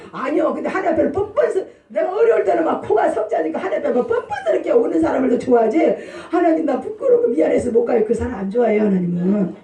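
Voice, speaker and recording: A middle-aged woman pastor preaching a sermon, questioning the congregation in a lively call-and-response manner. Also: sits high. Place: church sanctuary. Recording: roomy church hall, distant mic.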